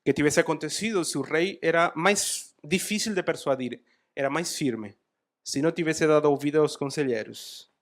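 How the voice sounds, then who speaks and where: A man preaching a sermon in a church, retelling a Bible story with animated asides. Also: a little high, moderate pace.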